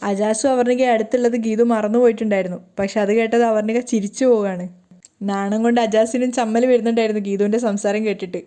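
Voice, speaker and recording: A woman telling a TV serial's story in a hurried spoken recap, slipping and correcting herself as she goes. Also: a little high, steady tone, dark tone. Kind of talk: fast spoken recap narration.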